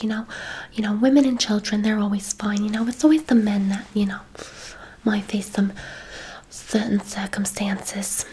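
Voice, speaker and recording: In an ASMR roleplay, a woman plays a gossipy hairdresser, gushing, affectionate and chatty, sprinkling in endearments. Her medium-pitched voice is darkish with a breathy edge, and the audio quality is poor.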